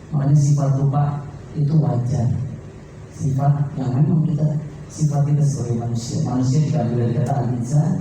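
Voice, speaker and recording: A man's voice: medium pitch, warm tone, a little hiss or hum. A man preaching a sermon, telling stories with quoted dialogue, reciting Arabic verses and putting questions to his listeners. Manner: addresses listeners directly, asking them questions. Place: mosque. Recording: echoey room, heard from a distance.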